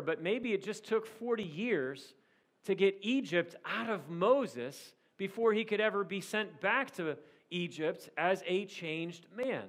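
An earnest man in his forties delivers a sermon. His voice sits high for a man, and he drives home points by repeating key phrases with rising emphasis. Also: fairly bright tone. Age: 40s. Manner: earnest, rises to emphatic repetition. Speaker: pastor.

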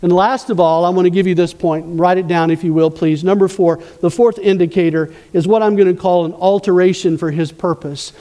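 A man's voice: high voice, steady tone, fairly quick, hardly any pauses, dark tone, big-room sound. A man preaching a sermon as pastor, asking the congregation questions as he goes.

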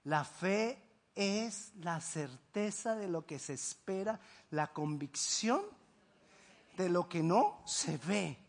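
High-voiced husky preacher man. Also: animated, slow pace. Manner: emphatic preaching, swinging between loud declarations and hushed asides. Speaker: pastor. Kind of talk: sermon.

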